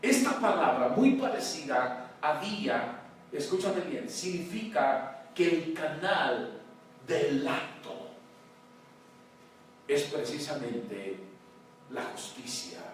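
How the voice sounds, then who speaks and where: A man's voice: fairly high pitch, animated, slow, long pauses. Emphatic male pastor in an echoey hall. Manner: emphatic preaching, swings between loud and hushed; addresses congregation as "hermano", asks "¿verdad?". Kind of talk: sermon. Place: large church hall. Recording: very echoey church hall, mic far off, faint noise.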